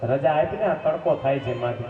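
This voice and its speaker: A male preacher voicing a poor, humble old Brahmin who is proud and self-respecting, speaking in a low, weary, pleading way. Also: expressive, moderate pace, lightly acted. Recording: echoey hall, distant mic, dull sound, faint music.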